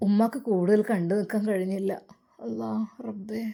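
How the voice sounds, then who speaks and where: Woman doing a teary mum praying quietly. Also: mid-range voice, steady tone, normal speed, vocal fry. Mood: tearful. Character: anxious, devout mother.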